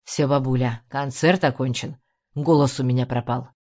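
A woman voicing a weary middle-aged male ex-detective who grumbles through his teeth in a lowered voice. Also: steady tone, normal speed, a little mellow. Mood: gruff, weary. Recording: dull lo-fi audio.

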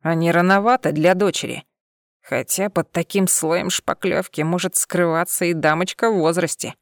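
Woman voicing cat-eared alien man, gruff, scornful, lowered voice, audiobook, dry close sound. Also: steady tone, normal speed, dry recording, natural voice. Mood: menacing.

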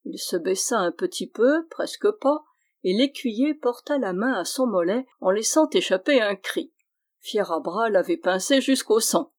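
A woman reading a classic novel aloud in a steady, measured narrating voice. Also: medium pitch. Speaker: audiobook reader.

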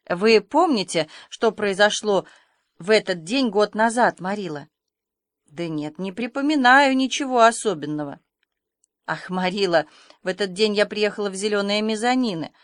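A dreamy, dramatic orphan girl, as a woman reader voices her gushes on in long, excited runs of words. Her voice sits at an ordinary middle pitch. The sound is close and dry, with no room around it. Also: dry recording, lightly acted. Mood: wistful. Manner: breathless, effusive storytelling.

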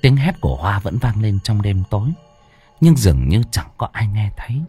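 A man telling a ghost story in dramatic, drawn-out scripted narration. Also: lowish voice, sing-song, dark tone, breathy edge, soft background music.

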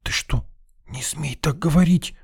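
A man reading an audiobook, voicing a timid, easily frightened young woman in a soft, anxious, raised voice. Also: steady tone, moderate pace, no echo, studio quality. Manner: soft, anxious, higher put-on voice. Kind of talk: audiobook character voice.

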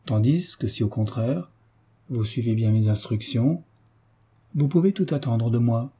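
A man's voice: medium pitch, measured pace, warm tone, breathy edge. A man voicing a cool, commanding young heiress in an audiobook, giving firm, clipped orders. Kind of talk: audiobook character reading.

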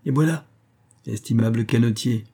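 A man's voice: mid-range voice, normal speed, mellow, slightly rough. A man playing a jaunty, chatty Parisian castaway who jokes in colloquial speech, in an audiobook.

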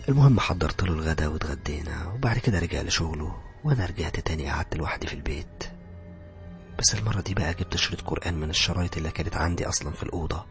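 A man with an Egyptian accent narrating a first-person horror story in a tense voice that sometimes sinks to a whisper. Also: low-pitched. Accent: Egyptian Arabic.

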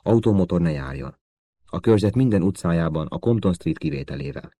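A man's voice: low-pitched, animated, dark tone, no echo. A man reading the part of a male intelligence officer giving terse, commanding orders in an audiobook. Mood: urgent.

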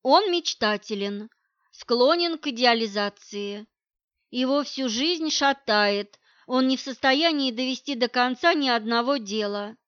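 A woman's voice: a little high, a little slow, fairly bright tone, clear, resonant tone, dry recording, lo-fi sound. A woman reading an audiobook voices a cold, scornful middle-aged wife who talks down to her rival in curt, dismissive lines. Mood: cutting.

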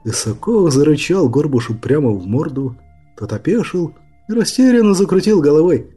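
A man narrating an audiobook in an even storytelling manner. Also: on the high side, normal speed, husky, faint music behind.

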